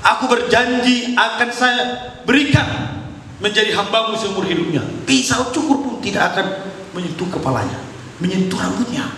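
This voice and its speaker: A man voicing a grieving childless woman who pleads with God in tearful prayer, her voice raised high. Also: lively intonation, moderate pace, fairly bright tone, a little hiss or hum. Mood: pleading. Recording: echoey church hall, far mic.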